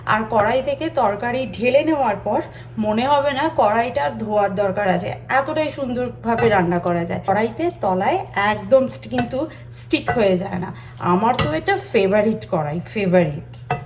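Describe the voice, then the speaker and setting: A chatty woman in her thirties with a Bengali accent, talking through her day in a casual home vlog. Her voice sits a little high, with a faint hiss of room noise behind it. She explains cooking tips step by step. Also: expressive, moderate pace. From India. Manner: speaks softly so as not to disturb others. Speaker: vlogger.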